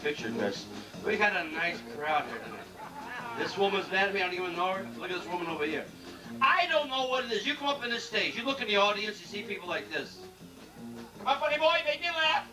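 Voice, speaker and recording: A man doing a stand-up comedy routine in a ship's cabaret lounge, telling jokes in a brash, rapid-fire way and teasing the audience. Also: sits high, very animated. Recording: echoey lounge recording from far off with band music.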